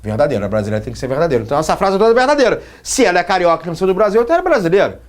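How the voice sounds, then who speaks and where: A man from Brazil teaching logic at a whiteboard, his pitch rising and falling a great deal. He explains step by step and keeps asking the students short questions to check they follow. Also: very animated, rapid-fire.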